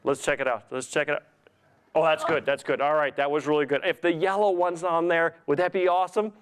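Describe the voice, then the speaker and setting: A man's voice: on the high side, steady tone, fairly quick, smooth. A man performing as a kids party magician, encouraging and playful, asking children simple questions as he talks them through a trick. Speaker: kids' magician, guest entertainer. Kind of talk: interactive children's magic show patter.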